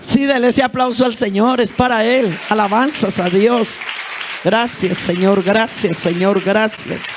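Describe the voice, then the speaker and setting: A woman's voice: mid-range voice, fairly even intonation, unhurried, some chatter behind, a little hiss or hum. A middle-aged woman preaching a sermon in a folksy way, acting out little scenes from family life. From Colombia.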